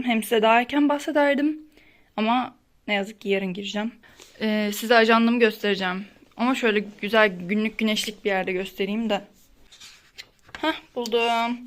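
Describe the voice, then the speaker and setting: A young woman casually vlogging her study day, chatty and rambling, getting worked up over small annoyances. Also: fairly high pitch. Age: young adult. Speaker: vlogger, exam student. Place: home, then a library.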